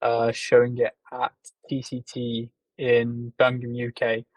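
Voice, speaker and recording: A man from the UK, founder of a small company, answers questions in a casual interview over a video call. He explains things in a measured way, with plenty of ums and uhs. His voice sits at an ordinary pitch, and the sound is dry. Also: completely flat delivery, no room sound, rough recording.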